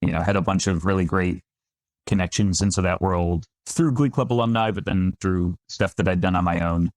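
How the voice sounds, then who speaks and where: A man in his thirties from the Finger Lakes region of upstate New York, a winemaker appearing as a podcast guest, talks in a low, steady, brisk voice. He chats self-deprecatingly and restarts often in this conversational interview. The recording is dry and studio quality.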